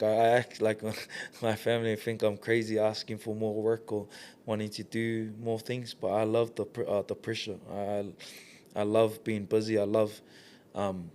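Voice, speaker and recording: Guest voice: a New man, low and fairly monotone, laid-back and earnest, casual interview talk. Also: a little hiss or hum. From New Zealand. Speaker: guest, community leader.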